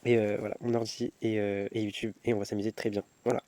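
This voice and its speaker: At home at night, a young vlogger films himself on his phone, rambling, poking fun at himself and often restarting or repeating words. His voice is lowish, dark and fast, with little pitch movement.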